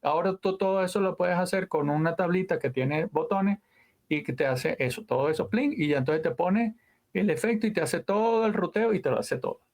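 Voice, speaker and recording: A guest audio engineer swaps stories in a relaxed interview, his high-pitched voice moving fairly quickly. He's animated, peppering his talk with sound words and letting asides trail off.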